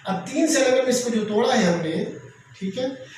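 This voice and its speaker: A man teaching a grammar lesson, explaining slowly and repeating each example. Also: very high voice, animated, a little mellow. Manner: slow, repetitive explaining. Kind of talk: classroom lecture. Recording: very echoey room, faint noise.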